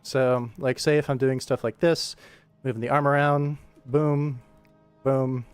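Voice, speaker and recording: With faint music behind him, a man speaks in a clean, mid-range voice, at a measured pace and with fairly even intonation. He's an animator hosting a relaxed work stream, chatting informally to viewers and describing each step with sound-effect words.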